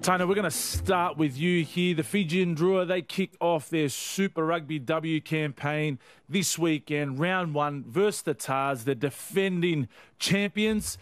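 A man's voice: on the high side, a little slow, faint music behind. A man hosting a sports show in an upbeat, casual radio chat style.

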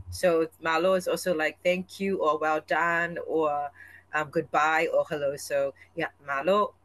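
A woman's voice: lowish voice, fairly bright tone, rough recording. A woman from Samoa co-hosting in a casual, chatty style. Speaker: co-host. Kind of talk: casual chat.

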